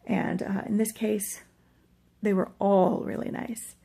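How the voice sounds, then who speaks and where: An American woman in middle age with a husky, breathy, gravelly voice, weak and achy after surgery, rambling hesitantly in a casual personal vlog. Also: medium pitch, flat delivery, takes it slowly, mellow. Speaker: vlogger sharing surgery recovery. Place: hotel room.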